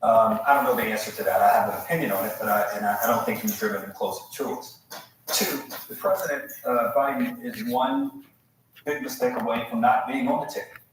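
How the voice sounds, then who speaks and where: A man giving measured political analysis as a panel guest, thinking aloud hesitantly and with many fillers. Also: mid-range voice, lively intonation, slight background noise. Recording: echoey room, distant mic.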